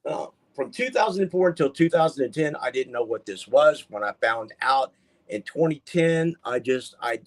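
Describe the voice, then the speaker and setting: A man's voice: mid-range voice, husky. A middle-aged man, a podcast guest, telling his story in a rambling, emphatic way and acting out the voices he quotes. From Texas, US. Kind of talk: casual interview storytelling.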